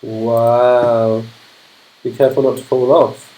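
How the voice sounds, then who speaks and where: A man from London with a polished, non-Cockney London accent, an English teacher commentating a game livestream, speaking slowly and clearly for learners. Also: mid-range voice, flat delivery, dark tone, slight background noise, low-quality recording. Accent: polished London English, not Cockney. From London, England. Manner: upbeat, keeps saying fantastic.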